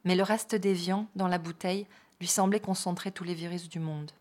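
A woman's voice: lowish voice, fairly even intonation, normal speed, a little mellow. A woman reading a literary novel aloud expressively, now and then adding brief spoken asides. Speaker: reader.

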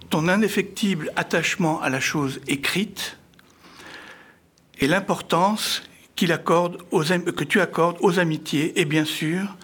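A middle-aged man presenting an author's book to an audience in formal, literary phrasing, with halting, hesitant delivery and a husky voice. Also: fairly high pitch, fairly bright tone. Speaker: speaker introducing an author's book. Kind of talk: semi-prepared public book presentation.

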